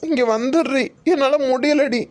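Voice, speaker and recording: A woman's voice: high-pitched, moderate pace, darkish tone, natural voice. A woman voicing a frantic, heartbroken young husband who pleads emotionally for his missing wife. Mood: pleading.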